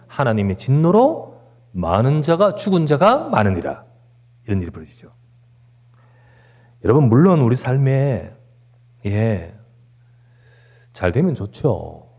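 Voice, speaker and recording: A man's voice: mid-range voice, warm tone, breathy edge. A man preaching a sermon as pastor, emphatic, with rhetorical questions and repeated words. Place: church sanctuary.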